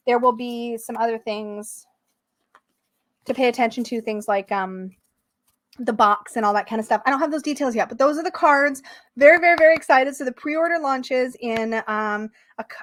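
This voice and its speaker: A woman chatting casually as she flips through a tarot deck, gushing and excitable, sometimes dropping to soft murmurs. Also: fairly high pitch, dry recording, clean studio sound.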